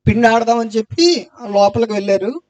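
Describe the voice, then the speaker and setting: High-voiced man giving an earnest testimony. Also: animated, fairly quick, muffled recording. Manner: earnest storytelling, loud cries of Jesus' name. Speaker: testimony speaker.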